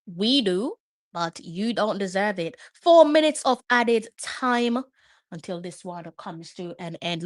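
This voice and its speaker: A woman hosts a live match watch-along, chatting and musing aloud as she reads up on the players. Her mid-range voice comes through on a dry recording.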